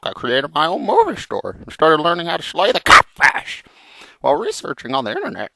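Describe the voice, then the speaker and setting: A man voicing a melodramatic, vengeful frog hero in theatrical comic storytelling, with a gravelly cartoon-like voice. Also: fairly high pitch, bright, forceful tone, dry recording, full character voice. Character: melodramatic, vengeful male frog hero telling his journey.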